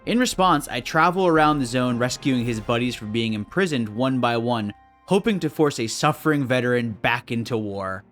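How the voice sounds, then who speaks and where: A man's voice: mid-range voice, lively intonation, normal speed, fairly bright tone. A man narrating a game video in a scripted, dry and sarcastic way. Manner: dry, sarcastic, mock-suspicious. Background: faint background music.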